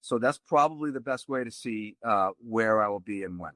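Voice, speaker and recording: A man with a Boston accent, a tai chi teacher speaking earnestly as a podcast guest and spelling out details slowly. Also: fairly low pitch, fairly bright tone, no room sound.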